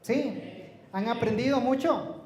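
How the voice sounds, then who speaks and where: Soft-spoken preacher in echoey church. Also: male voice, extremely high pitch, slow pace. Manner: soft-spoken, friendly, engages the congregation. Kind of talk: sermon. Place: church sanctuary.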